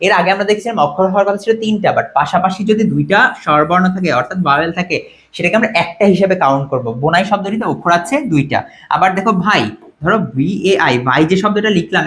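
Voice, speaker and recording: A man's voice: sits high, a bit bright. A young man teaching an online exam-prep lesson, quizzing students and counting items aloud.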